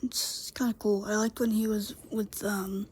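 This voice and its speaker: Speaking a little slowly in a level, medium-pitched tone, a female YouTube wrestling reviewer gives a casual solo recap of a show. Her congested, slightly mellow voice rambles with plenty of fillers and restarts, and there is slight background noise.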